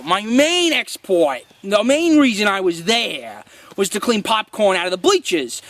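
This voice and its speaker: Man playing a high-voiced, boastful washed-up prop comic. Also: sharp tone, no echo, heavily acted. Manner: rambling, halting, self-important, defensive. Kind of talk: mock-documentary interview.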